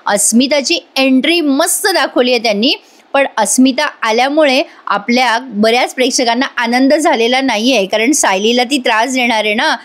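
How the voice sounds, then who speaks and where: A woman's voice: high-pitched, moderate pace. Chatty woman recapping a TV serial. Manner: chatty, addresses viewers directly. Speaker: TV serial reviewer. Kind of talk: voice-over episode recap.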